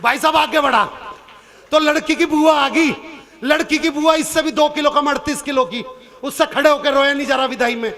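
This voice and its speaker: Male stage comic poet, piercing high pitch, storytelling for a live show. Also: steady tone, moderate pace, sharp tone. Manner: acts out characters' lines in shifted voices; turns earnest and preachy near the end. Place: outdoor or hall stage before a live audience.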